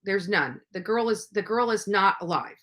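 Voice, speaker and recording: Animated and fairly bright, this woman's mid-range voice keeps a moderate pace. She comments on true crime cases live and unscripted, opinionated, emphatic, and accusatory, repeating phrases to press her points.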